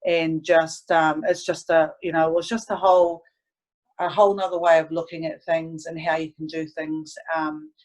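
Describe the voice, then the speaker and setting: A woman's voice: sits low, flat delivery, normal speed, low-quality recording. A woman, reflecting earnestly and hesitantly as she tells stories in a casual interview. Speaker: interviewee, sports team staff member.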